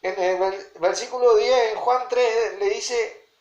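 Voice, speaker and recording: A man's voice: high voice, steady tone, takes it slowly, lo-fi sound. A man, teaching a Bible study and checking in with his listeners often. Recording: roomy echo.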